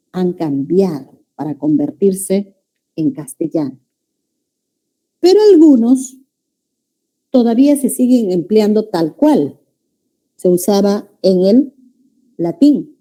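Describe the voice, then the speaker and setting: With a warm, mid-range voice, a woman teaches a language class, frequently making sure her students keep up. She addresses them as "jóvenes" and checks comprehension by asking "¿ya?".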